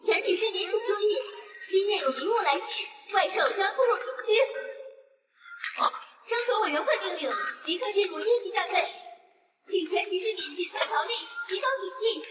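A woman voicing a city emergency announcer who gives formal, urgent orders over an outdoor loudspeaker. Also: very high voice, a little fast, music in the background. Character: female city alarm announcer, calm and commanding. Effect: outdoor loudspeaker broadcast. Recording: echoey loudspeaker heard from far off, noisy.

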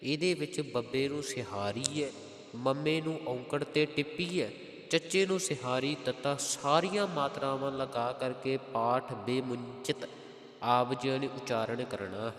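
A Punjabi-accented man leads a scripture pronunciation lesson, chanting lines in a drawn-out voice before breaking down each letter and vowel sign. His pace is very unhurried. The voice rings in a roomy space with a long reverb tail. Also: medium pitch, fairly bright tone. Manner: slow, methodical, chants each verse then explains spelling. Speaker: Gurbani recitation teacher.

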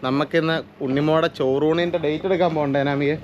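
A man's voice: a little high, steady tone, fast talker, lo-fi sound, a little hiss or hum. A young man from chatting casually to his viewers in a home vlog, teasing and talkative. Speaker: vlogger. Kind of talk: casual family vlog chat.

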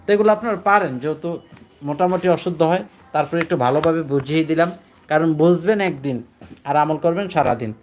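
A man's voice: fairly high pitch, quick pace. Patient male Quran reading teacher. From Bangladesh. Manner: patient, repetitive explaining, asks and answers his own questions. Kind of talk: spoken recitation lesson.

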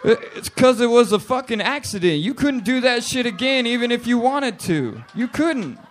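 A man doing a crude, animated stand-up routine in a bar and grill, acting out characters as he goes. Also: very high voice, normal speed. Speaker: stand-up comedian.

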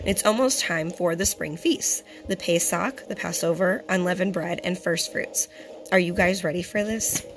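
A young woman with a hoarse, partly lost voice, giving a religious teaching as host and often clearing her throat. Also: on the low side, normal speed. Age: young adult. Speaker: fellowship host and Bible teacher. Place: small indoor room. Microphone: phone at arm's length.

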